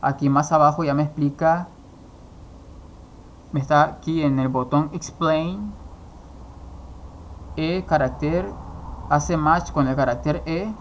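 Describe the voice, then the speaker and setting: A man's voice: fairly high pitch, slight background noise. A man teaching a coding course, explaining each step and asking himself questions before answering them. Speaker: programming instructor. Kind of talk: screen-recorded coding tutorial.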